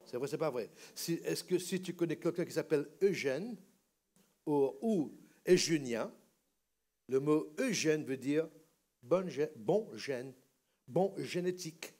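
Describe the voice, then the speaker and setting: A pastor preaches a sermon in church, teaching word by word as the congregation repeats after him in call-and-response. His voice is on the high side, expressive, mellow and a little slow.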